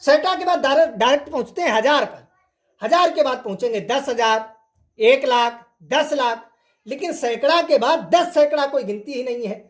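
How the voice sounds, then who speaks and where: A woman with a high voice teaches an online maths lesson. She drills each point through steady repetition. She keeps checking in with the class through rhetorical questions. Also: moderate pace.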